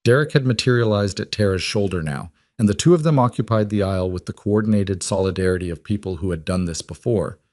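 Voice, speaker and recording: A man reading a scripted story in a measured, even storytelling manner. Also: fairly low pitch, no room sound, clean studio sound. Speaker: narrator.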